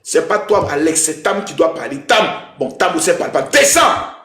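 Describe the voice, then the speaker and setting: A young man hosting a live stream, emphatic and loud, who keeps chanting calls to his viewers. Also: fairly high pitch, brisk, roomy sound. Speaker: livestream host. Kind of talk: hyped live-stream talk.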